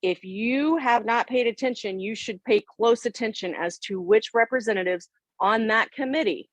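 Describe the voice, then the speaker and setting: A woman's voice: a little high, normal speed, no echo. A woman co-hosting a podcast discussion, speaking as a victims' advocate who passionately urges listeners to act. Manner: impassioned, urging listeners to act.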